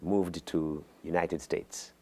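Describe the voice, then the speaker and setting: A middle-aged man from Uganda, a guest in an interview, talking haltingly with many fillers and restarts. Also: low voice, little pitch movement, vocal fry, darkish tone, slightly rough. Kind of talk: interview conversation.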